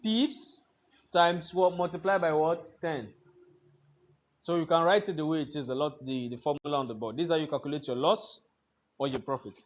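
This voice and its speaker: A man's voice: fairly high pitch, fairly even intonation, moderate pace. A man teaching a trading class, lecturing in a classroom and constantly quizzing students with fill-in-the-blank questions. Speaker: trading instructor.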